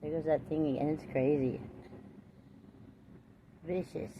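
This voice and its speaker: Agitated low-voiced woman, swearing outdoors. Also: moderate pace. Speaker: vlogger. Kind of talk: rambling casual monologue. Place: outdoors near a road. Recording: muffled recording with loud traffic noise.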